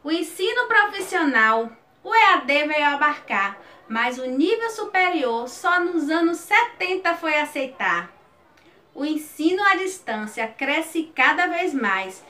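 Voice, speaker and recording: A woman teacher, explaining a lesson slowly and reciting rhymed verse with a lilting rise. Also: high voice, very animated, pushed and bright.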